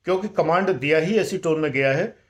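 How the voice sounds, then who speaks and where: An older man giving calm, measured life-management advice and mixing in English words. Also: fairly high pitch.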